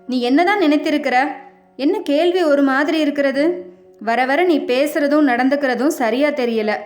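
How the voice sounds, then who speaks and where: A woman's voice: high voice, a little slow, a little mellow, faint music behind. A woman voicing an angry young husband. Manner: harsh, scolding. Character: angry young husband, hungry and short-tempered.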